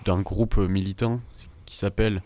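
Un jeune homme, co-animateur d'une émission de radio, qui présente un sujet avec de nombreuses hésitations. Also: male voice, sits low, fairly even intonation, a little slow, warm tone, no echo. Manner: hesitant, many fillers. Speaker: co-host. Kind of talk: radio show presentation.

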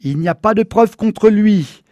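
A man's voice: high-pitched, measured pace, a little mellow, dry recording, pitched above the performer's own voice. A man narrating an audiobook, voicing a stern, defiant lawman who speaks firmly and with command. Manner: firm, commanding. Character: stern small-town lawman father, firm and defiant.

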